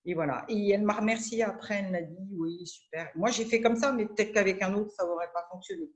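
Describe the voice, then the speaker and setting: A woman speaking on a video call with a mid-pitched voice. She gives management advice in a brisk, assertive way, telling anecdotes about her team. Her delivery is steady and sure. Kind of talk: remote meeting discussion.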